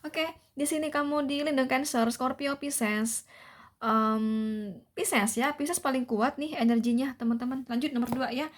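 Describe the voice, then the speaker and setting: Casting: young woman, tarot reader, fairly high voice, chatty and repetitive, lots of fillers. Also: steady tone, a little slow. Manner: chatty, repetitive, many fillers and tag questions. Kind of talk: tarot reading for viewers.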